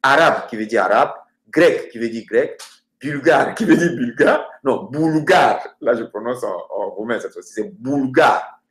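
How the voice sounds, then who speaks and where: A man teaching grammar through lists of words, hesitating often and slowing down for each example. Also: medium pitch, lively intonation, fairly bright tone. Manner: hesitant, many filler sounds, slows down for example words. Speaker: language teacher. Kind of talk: explaining grammar with word lists. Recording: roomy echoey room.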